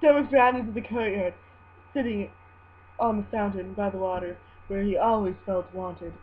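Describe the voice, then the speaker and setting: A woman giving an amateur dramatic reading of fan fiction, halting and prone to stumbles. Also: mid-range voice, fairly even intonation, slightly rough. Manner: halting, stumbles over words and breaks into giggles. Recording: muffled, humming home recording.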